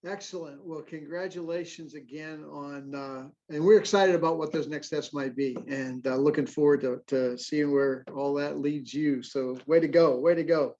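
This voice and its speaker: A man hosting a graduation ceremony over a video call, friendly and halting, with many fillers. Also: fairly even intonation, a little mellow. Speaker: ceremony host. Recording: muffled low-fidelity audio.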